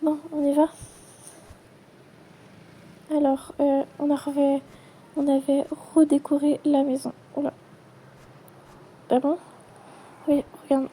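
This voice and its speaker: A woman acting out a playful toy role-play, switching quickly between many characters in chatty everyday dialogue. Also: high voice, level tone, warm tone, a little hiss or hum. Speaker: channel creator voicing every character.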